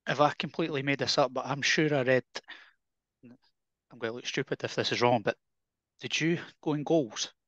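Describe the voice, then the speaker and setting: A Scottish man hosts a casual podcast interview in a mid-pitched voice. He asks easygoing, tentative questions and backs up his guest. The recording is dry and slightly dull. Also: normal speed, pauses often, a bit bright, dry recording. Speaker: podcast host.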